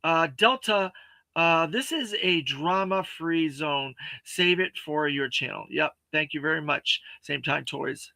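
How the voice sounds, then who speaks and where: A man hosting a toy review livestream, chatting casually and reading viewer comments, halting with many fillers and thanking viewers earnestly. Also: on the high side, creaky, sharp tone, no room sound. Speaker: toy review show host.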